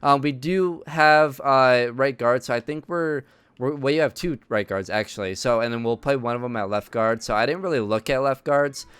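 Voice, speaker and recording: A man's voice: medium pitch, moderate pace, a bit bright, smooth, no echo. A man giving casual gameplay commentary, thinking aloud with many ums and uhs. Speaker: video game commentator.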